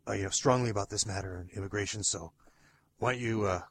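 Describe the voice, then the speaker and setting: A man's voice: lowish voice, quick pace, slight background noise. A man playing an exasperated, bossy radio talk show host in a comedy sketch.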